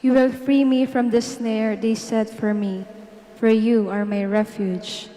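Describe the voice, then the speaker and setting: A woman reading scripture and psalms at Mass in a measured, declamatory way, in a reverberant church. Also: a little high, little pitch movement, warm tone. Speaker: lector at Mass. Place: large church, over sound system. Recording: long echoing church reverb.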